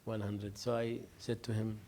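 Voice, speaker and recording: A sheikh gives an informal religious lesson in a conversational style, telling stories, joking and laughing, and acting out dialogue. His voice is lowish, level, and mellow, at a normal speed.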